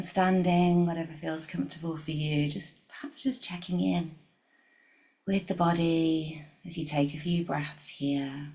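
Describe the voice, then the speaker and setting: Over a rough recording, a woman guides a meditation very slowly, in short phrases with long pauses between them. Her pitch stays fairly low and level with a gravelly fry, and her soft, soothing delivery sometimes thins to a breathy whisper.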